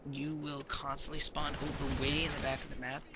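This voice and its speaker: A man's voice: mid-range voice, level tone, brisk, background noise. A man giving casual gameplay commentary, explaining tactics in a hesitant, filler-heavy way. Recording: voice over loud gunfire game audio.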